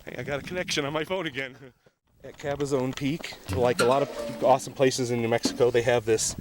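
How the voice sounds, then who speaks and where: Walking a desert mountain trail, a male vlog host narrates in a casual, chatty way, upbeat about the scenery and easygoing as he describes the path. His voice is medium-pitched, steady in tone, and brisk, and the camera mic picks up outdoor noise.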